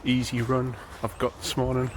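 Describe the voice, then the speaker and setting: Here a running vlogger, a North East English man in his thirties, jogs through a snowy morning while rambling casually and saying um a lot. He speaks at medium pitch and a moderate pace, and the handheld camera picks up background noise.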